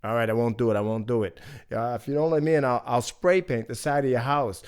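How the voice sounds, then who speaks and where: A man voicing a sly, scheming big bad wolf who coaxes and wheedles in a fast-talking way, as part of a live folk-tale telling. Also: mid-range voice, a little mellow, smooth, lightly acted. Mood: wheedling.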